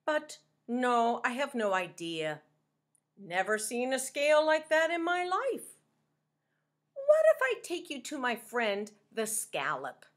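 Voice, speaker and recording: A woman's voice: on the high side, huge pitch swings, slow pace, voice pushed up, exaggerated voice. A woman voicing a prickly pufferfish who grumbles, then turns chatty and exclaiming. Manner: gruff, then gossipy and exclaiming.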